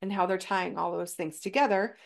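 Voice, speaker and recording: A woman's voice: medium pitch, steady tone, brisk, vocal fry. Stuffy-nosed woman podcast host. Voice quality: nasal. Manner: emphatic, with frequent "right?" check-ins. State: stuffy from a cold. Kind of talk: casual teaching talk.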